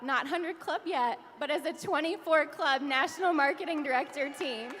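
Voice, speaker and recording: Young woman, high voice, heartfelt emotional award speech, long hall reverb. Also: normal speed, background noise. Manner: heartfelt, emotional, laughing through tears. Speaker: award speaker. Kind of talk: recognition speech.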